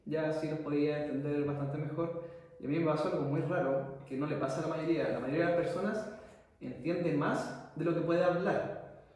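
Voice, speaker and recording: A man with a Chilean accent telling stories in relaxed casual podcast chat. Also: on the high side, a little fast. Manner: relaxed storytelling with Chilean slang. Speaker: podcast co-host. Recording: very echoey room, far from mic.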